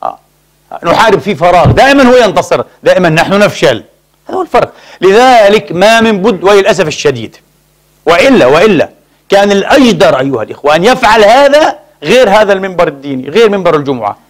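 A man's voice: sits high, sing-song, fast. A man preaching a Friday sermon, emphatic, firing off rhetorical questions and repeating phrases as he addresses the congregation as brothers.

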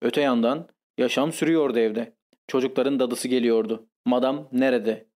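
Man, audiobook narrator, grave, measured, intense, mid-pitched voice. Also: a little mellow. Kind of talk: audiobook reading of a first-person literary confession.

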